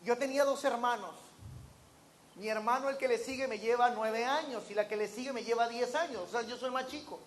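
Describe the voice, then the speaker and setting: A man's voice: very high-pitched, fairly quick, slight background noise. A man preaching a sermon to a congregation, throwing out rhetorical questions and acting out the voices of the people in his stories. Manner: acts out quoted voices of others.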